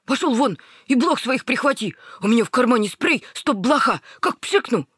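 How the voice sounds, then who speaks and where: Woman doing a breathy, excitable, bossy little lap dog, close and dry. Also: fairly high pitch, moderate pace, no echo, voice pushed up, full character voice. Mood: furious. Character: snobbish, hysterical small female dog.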